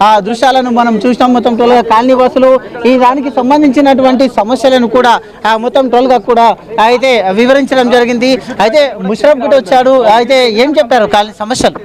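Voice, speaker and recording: A man reporting live from the scene, halting and repeating filler words as he questions locals. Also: extremely high pitch, fairly even intonation. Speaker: field reporter. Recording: crowd noise behind.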